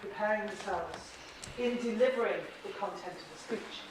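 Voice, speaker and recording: Leading a live workshop on presentation skills, a woman from Ireland talks in a mid-range voice at a moderate pace, chatty and encouraging, laughing often and asking the group questions. The background is noisy, and the audio is very echoey and recorded from a distance in a large training room that echoes.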